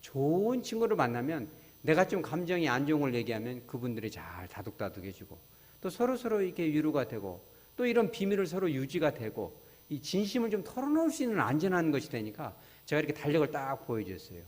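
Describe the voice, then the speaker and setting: Korean pastor preaching in a reverberant church. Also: male voice, fairly high pitch, quick pace. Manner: storytelling with acted-out dialogue, lively and conversational. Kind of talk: sermon. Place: church sanctuary. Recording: church hall with long reverb.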